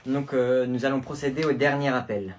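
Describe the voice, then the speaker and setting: A young man voicing a gentle substitute teacher addressing the class softly. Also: medium pitch, voice pushed down, close to an everyday voice. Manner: soft, unhurried classroom address. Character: gentle female substitute teacher on her last day.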